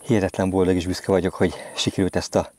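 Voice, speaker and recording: A man fishing outdoors by a river, giving vlog commentary with excited exclamations as he fights a fish. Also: low voice, no room sound. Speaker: angler. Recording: outdoor noise with crickets and insects.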